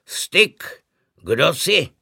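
A man's voice: a little high, very animated, gravelly, pushed and bright, breathy edge, dry recording, clean studio sound, pitched above the performer's own voice, exaggerated voice. A man doing a barking bossy soldier. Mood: commanding. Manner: barking orders. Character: gruff bossy male soldier on guard.

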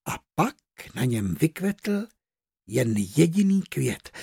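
An expressive narrator reading a fairy tale aloud, slowing on key words. The voice is husky and swings widely in pitch. It sounds close and dry, with no room around it. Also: no room sound. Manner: expressive storytelling, slows for emphasis.

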